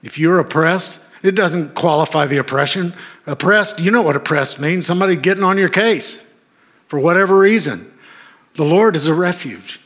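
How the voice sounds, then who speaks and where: A man's voice: on the high side, lively intonation, normal speed, fairly bright tone. Emphatic man preaching a sermon. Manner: emphatic preaching with sudden exclamations. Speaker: pastor.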